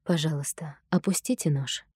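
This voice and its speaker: A woman voicing a kind, dignified noblewoman and mother in an audiobook, speaking in a soft, warm, even voice. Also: sits low, moderate pace, slightly rough, no room sound, clean studio sound. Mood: gentle pleading. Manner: even, calm delivery. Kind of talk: audiobook character voice.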